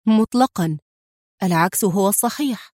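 A woman reading a calm, sarcastic male businessman under questioning, in an audiobook. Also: high voice, normal speed, no room sound, clean studio sound. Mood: calm mocking. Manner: calm, mocking.

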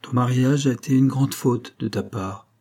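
A man's voice: medium pitch, moderate pace, warm tone, natural voice. A man reading an audiobook voices a dying old female servant who solemnly reproaches the young woman she raised. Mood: stern.

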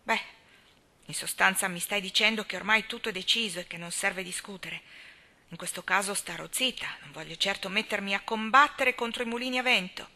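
A woman voicing an outspoken, indignant older spinster who scolds in a high, emphatic voice. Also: fairly quick, bright, forceful tone. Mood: scolding.

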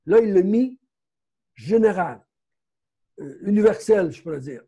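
This man teaches a Bible study in a Québécois French accent, keeping it conversational and pausing often to correct himself. He speaks animatedly at a measured pace in a high, dark, slightly rough voice, and the sound is lo-fi.

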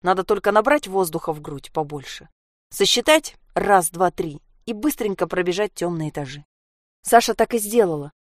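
A woman reading a story aloud in a steady narrating manner. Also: lowish voice, moderate pace, dry recording, clean studio sound. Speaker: reader.

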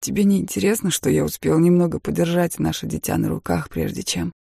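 A woman reader voicing a grieving young husband who speaks softly through tears in an audiobook. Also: big pitch swings, fairly quick, creaky, breathy edge, no room sound, studio quality, exaggerated voice. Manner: soft, low and sorrowful.

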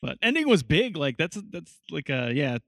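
A man's voice: fairly high pitch, very animated, moderate pace, vocal fry, a bit bright, no room sound, studio quality. A man in casual chat about a TV show, loose and chatty with lots of swearing.

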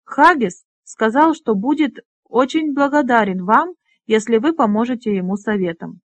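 A woman voicing a spirited, bossy young woman who leads dragonriders, talking briskly and teasing. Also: fairly high pitch, lively intonation, no echo, voice pushed up. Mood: lively.

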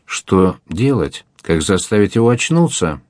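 A gentle elderly monk, as a male reader puts him on speaks in a hushed, sorrowful way. The voice is very deep and the recording dry and close. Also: very animated, measured pace, dry recording. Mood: dismayed.

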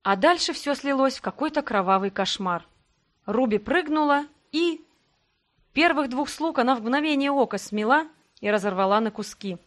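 A woman reading a first-person fantasy audiobook in a dramatic, expressive way. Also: high-pitched, normal speed. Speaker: audiobook narrator.

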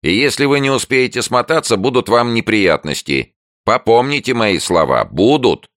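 A man voicing a shrill, frightened old woman neighbor who scolds loudly from behind her door in an audiobook. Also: lively intonation, moderate pace, no room sound, studio quality, close to an everyday voice. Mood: spiteful. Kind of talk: audiobook character voice.

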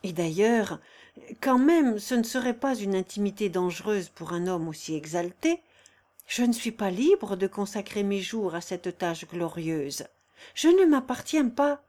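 A woman's voice: medium pitch, expressive, measured pace, dark tone, close to an everyday voice. A woman reading the part of a proud young singer who speaks earnestly and with passion in a storybook.

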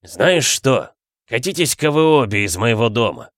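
A man voicing a rude, bad-tempered husband who talks gruffly and barks his words. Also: medium pitch, very animated, unhurried, fairly bright tone, no room sound, clean studio sound. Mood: rude, angry. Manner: gruff, barking.

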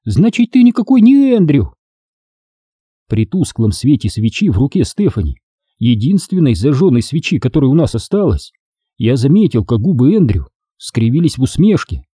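A man reading a spooky story aloud as an audiobook narrator, steady and suspenseful. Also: medium pitch, normal speed, slightly rough, no echo, clean studio sound.

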